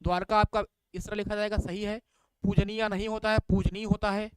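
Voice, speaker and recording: With a high-pitched voice that barely moves in pitch, a man talks fairly quickly over a little hiss or hum. His online exam-prep class involves reading spelling questions and choices aloud, asking "what is it?" again and again, addressing viewers as bhaiya, and praising them by name.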